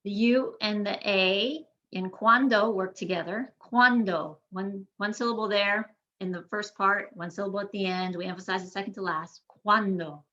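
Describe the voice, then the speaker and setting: A woman's voice: medium pitch, fairly even intonation, a bit bright. Patient woman teaching pronunciation, lo-fi. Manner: clear, patient, models words slowly. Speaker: Spanish teacher. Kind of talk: pronunciation lesson.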